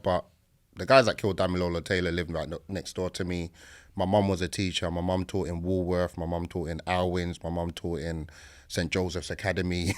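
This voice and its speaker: A man with a south London accent telling his own story casually as a podcast guest, in a conversational, matter-of-fact way. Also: deep voice. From south London, England.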